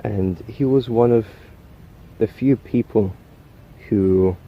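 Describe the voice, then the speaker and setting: A man playing an unhinged, socially awkward killer confessing to camera in halting, rambling speech, with trouble pronouncing his R's. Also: lowish voice, muffled recording. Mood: wistful, halting. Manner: halting, rambling, stammering, with odd chuckles.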